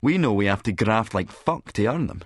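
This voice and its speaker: This narrator, a man with a fairly low, husky voice, reads at normal speed with lively intonation, recorded at studio quality without echo. He plays a cynical, middle-aged Scottish schemer telling the story in first person, dialogue included, in a verbose, lecturing way that drips scorn and sarcasm.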